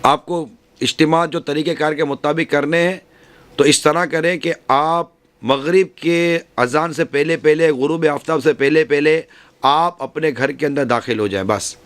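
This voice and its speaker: A man's voice: fairly high pitch, fairly bright tone. A man preaching to a women's gathering, giving earnest advice and often repeating and rephrasing his points. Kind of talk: religious speech.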